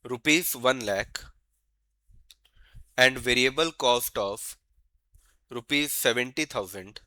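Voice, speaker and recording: A man with a bright, forceful voice teaches an exam-prep class and keeps checking whether his students follow. He poses questions and answers them himself, and he spells out each formula slowly as he writes it. The sound is close and dry. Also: mid-range voice, no echo. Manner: coaxing, calls students "beta", asks and answers himself.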